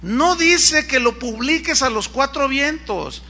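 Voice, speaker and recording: A man's voice: very high-pitched, lively intonation, takes it slowly, sharp tone. A middle-aged male pastor preaching a sermon in Spanish, emphatic and acting out members of his congregation in quoted voices.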